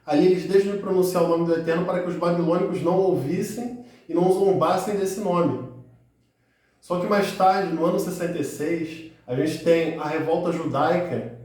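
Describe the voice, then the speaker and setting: A man with a fairly high voice gives a step-by-step religious lesson, often tossing in little checking questions and restarting phrases. He sounds set back from the mic in a strongly echoing room. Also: a little mellow, distant mic. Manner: explains step by step, with frequent "né" tag questions and restarts. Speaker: religious teacher. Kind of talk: explanatory teaching monologue.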